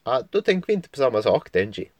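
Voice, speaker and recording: A man voicing a bold, playful little girl in a children's story. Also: dry recording. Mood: excited. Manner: high, excited calls. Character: small girl, bold, playful, high-voiced.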